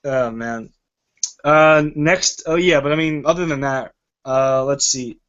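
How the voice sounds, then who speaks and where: Unhurried and fairly bright in tone, this man with a mid-range voice hosts a laid-back review chat, wandering off topic and cursing freely. The audio is muffled and lo-fi.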